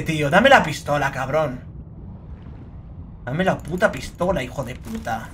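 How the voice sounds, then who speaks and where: A young man with a Spain Spanish accent doing let's play commentary, excitable and swearing a lot, with sudden shrieking outbursts. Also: a little high. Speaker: gaming video creator.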